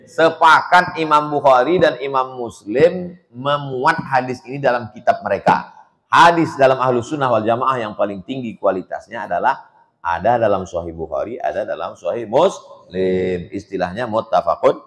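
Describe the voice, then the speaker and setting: A man preaching a sermon in a humorous way, acting out voices as he goes. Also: lowish voice.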